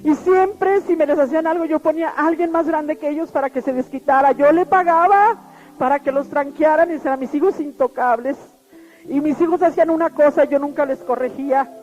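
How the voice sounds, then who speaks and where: Woman, high voice, halting testimony with restarts, muffled sound. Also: darkish tone. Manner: earnest and halting, with frequent restarts and repeated words. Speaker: witness giving a testimony. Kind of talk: spoken personal testimony. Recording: muffled recording with faint background music.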